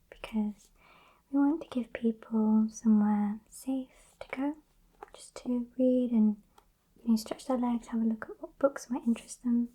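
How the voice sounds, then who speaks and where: A British woman playing a gentle, bookish librarian in a whispered role-play, murmuring softly and unhurriedly in a breathy whisper. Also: a little high, rough recording. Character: sweet, gentle, bookish woman librarian working late nights. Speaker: ASMR performer.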